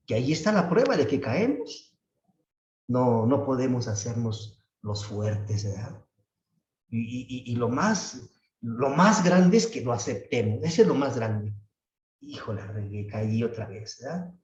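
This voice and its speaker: Male priest, homily delivery, conversational tag questions; distant, dull, roomy church recording. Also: a little mellow. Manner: peppers phrases with tag questions, acts out complaints in a high voice. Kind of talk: sermon.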